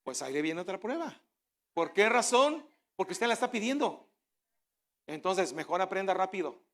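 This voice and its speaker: Male pastor, middle-aged, high voice, chatty sermon that swells into fervent proclamation. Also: very animated, moderate pace. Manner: conversational preaching, frequent rhetorical questions; builds to loud fervent declaration.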